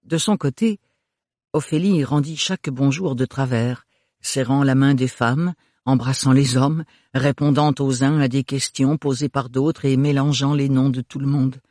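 A man narrating an audiobook in an expressive, animated storytelling way. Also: medium pitch, a little slow, dry recording, clean studio sound. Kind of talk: scripted narration.

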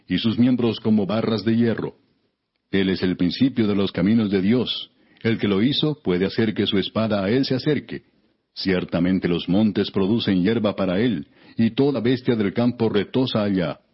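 A man narrates scripture in a solemn, declamatory style. His voice sits fairly low and has a husky grain, with measured phrasing. The recording is dull and lo-fi. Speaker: narrator of an audio Bible. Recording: dull, lo-fi audio.

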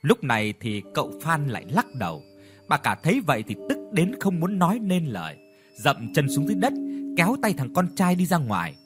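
Expressive male story narrator. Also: a little high, fairly quick, over music.

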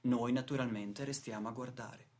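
A stage actor and narrator gives a declamatory, solemn radio theatre monologue from a script while music plays underneath. His mid-range voice is steady and darkish, moving at a moderate pace.

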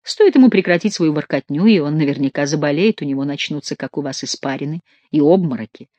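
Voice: mid-range voice, fast talker, darkish tone, no room sound, natural voice. Amorous young male king, tender and effusive, as an audiobook reader puts him on; dry, close sound. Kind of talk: audiobook character reading.

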